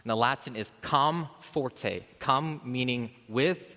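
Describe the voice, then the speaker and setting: Taking his time, a man with a medium-pitched, pushed, bright voice gives a sermon into a podium mic. He speaks in a loose, conversational way, interrupting himself and surging toward emphatic climaxes, while the sanctuary adds a long reverb tail.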